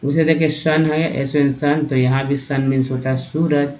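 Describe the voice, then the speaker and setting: A man teaching English phonics, repeating sounds and words slowly. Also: a little high, level tone, darkish tone, dull audio, slight background noise. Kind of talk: phonics lesson.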